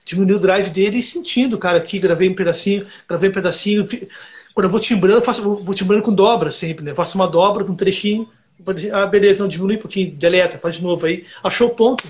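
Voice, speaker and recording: High-voiced man rambling. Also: fast. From Brazil. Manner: rambling, animated storytelling with many fillers. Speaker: recording engineer, guitarist. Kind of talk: casual podcast chat.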